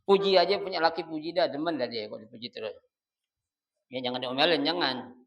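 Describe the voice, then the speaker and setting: A man giving a casual, lively religious lecture, joking and acting out how spouses call each other. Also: a little high, a little fast. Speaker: preacher. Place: mosque or prayer hall. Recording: distant mic, dull lo-fi sound.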